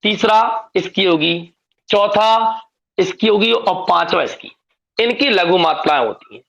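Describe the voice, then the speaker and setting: A man's voice: high-pitched, lively intonation, measured pace, vocal fry, fairly bright tone, dull audio. A male teacher giving a step-by-step grammar lesson, often asking the class if they understand. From India.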